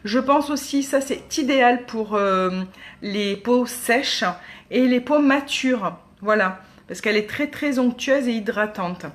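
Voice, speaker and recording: Beauty vlogger lady, bit high voice, lots of euhs. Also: a little slow. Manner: chatty, hesitant with many fillers. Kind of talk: casual product demo.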